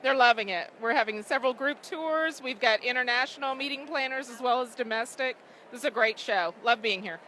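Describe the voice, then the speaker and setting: A woman's voice: fairly high pitch, fairly quick, pushed and bright, slight background noise. A woman exhibitor at a trade show booth, talking enthusiastically and rambling a little. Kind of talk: pitching at a booth.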